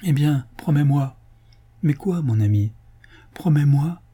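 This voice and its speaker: A man's voice: mid-range voice, moderate pace, mellow, slightly rough, pitched above the performer's own voice, natural voice. A man doing a fierce dying officer. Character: dying young naval officer, fierce and jealous.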